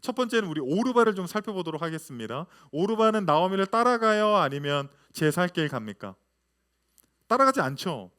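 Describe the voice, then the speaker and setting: A man in his thirties, a pastor, preaching a lively sermon full of rhetorical questions to his congregation. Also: high voice, brisk, clear, resonant tone.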